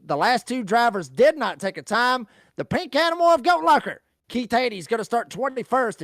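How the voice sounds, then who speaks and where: A man's voice: high-pitched, a bit bright, no room sound. A man calling a race as lead commentator, with folksy, announcer-like play-by-play.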